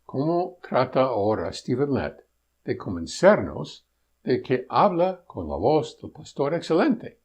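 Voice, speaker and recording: A husky-voiced man delivers critical Bible commentary at an unhurried pace. His pitch moves in a lively way, and he answers each point in a measured, pointed manner, often citing scripture.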